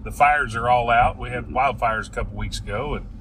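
A man's voice: mid-range voice, brisk, a bit bright, poor audio. A middle-aged man with a Southern Smoky Mountains drawl, co-hosting a casual, folksy podcast. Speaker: podcast co-host. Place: inside a moving car. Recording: constant vehicle road noise.

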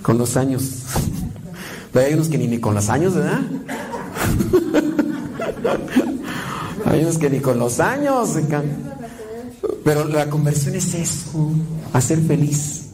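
A man's voice: fairly high pitch, expressive, normal speed, crowd noise, poor audio. A man preaching a sermon in a conversational way, often asking "right?" and acting out quoted lines. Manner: conversational, with tag questions and quoted asides.

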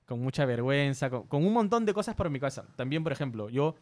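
A man's voice: medium pitch, sing-song, quick pace, a little mellow. A man from Peru, a content creator, telling a story in a casual interview, earnest and a little self-conscious, often restarting his sentences.

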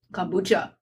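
A woman in casual chat, playful and laughing often, with lots of fillers. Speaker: co-host of a drinking game chat. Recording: far from the mic with faint noise.

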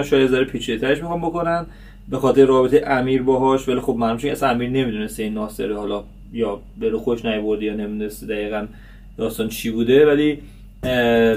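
A series reviewer hosts a casual episode review for his vlog, chatting and rambling with lots of fillers. His voice is medium-pitched with a darkish tone and sits a little distant from the microphone.

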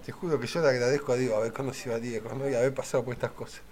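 A man's voice: medium pitch, steady tone, rapid-fire, a little mellow, lightly acted. A man with a Rioplatense accent playing an earnest middle-aged man who tells rambling anecdotes full of fillers and asides in a comedy sketch. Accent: Rioplatense Spanish. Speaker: friend telling anecdotes.

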